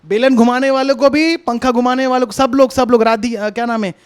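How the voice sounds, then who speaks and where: Brief: male preacher, very high voice, chatty and coaxing, repeats himself, sermon over a video call. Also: fairly even intonation, brisk, smooth. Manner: conversational, coaxing, repeats instructions. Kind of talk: online sermon with a hands-on demonstration.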